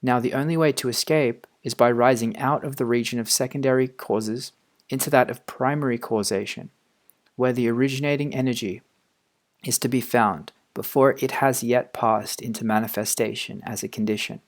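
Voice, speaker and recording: A man giving a quiet, measured, formal reading of a philosophical text as an audiobook narrator. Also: medium pitch, steady tone. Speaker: audiobook reader.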